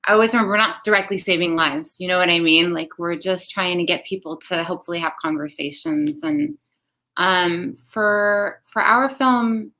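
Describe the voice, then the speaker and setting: A woman filmmaker reflects on her work at a panel Q&A in a somewhat low voice. Her tone is bright and pointed, and she speaks thoughtfully. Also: normal speed. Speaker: filmmaker guest. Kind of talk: answering in a panel Q&A.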